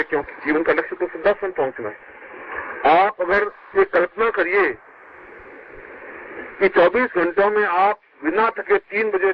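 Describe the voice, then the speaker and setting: Guru guy preaching on old worn tape, kinda high voice, swoops up and down a lot. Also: creaky. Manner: emphatic, swooping between high and low. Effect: old worn tape recording. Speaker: spiritual guru. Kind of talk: sermon to disciples. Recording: muffled hissy old tape.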